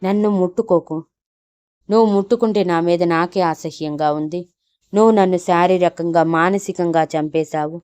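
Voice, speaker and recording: A woman's voice: fairly low pitch, normal speed, darkish tone, smooth, natural voice. A woman voicing a distraught young woman who speaks in a tearful, accusing way in a storybook audio drama.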